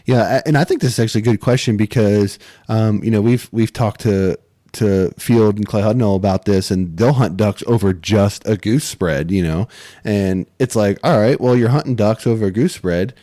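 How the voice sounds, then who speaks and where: A man's voice: on the low side, normal speed, mellow, dry recording, clean studio sound. A man chatting casually as a podcast co-host. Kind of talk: casual chat.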